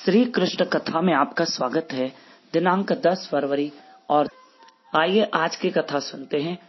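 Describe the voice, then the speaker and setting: Man, husky higher voice, devotional story narration, folksy and repetitive, muffled recording, faint music behind. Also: a little slow.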